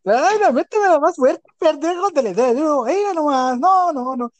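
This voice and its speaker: A man voicing a loud, flirty northern Mexican woman in a shrill falsetto, as an exaggerated parody. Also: expressive, moderate pace, no room sound. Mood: mock-passionate.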